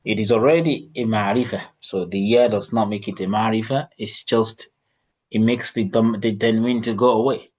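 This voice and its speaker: A man's voice: on the low side, fairly even intonation, normal speed, darkish tone. A man teaching an online Arabic class, patiently repeating phrases and coaching a student's pronunciation.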